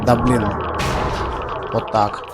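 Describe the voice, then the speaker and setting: A man's voice: mid-range voice, little pitch movement, very slow. Slangy, sweary Russian street-guy gamer, noisy recording. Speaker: video game streamer. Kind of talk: casual gameplay commentary. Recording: clearly noisy background.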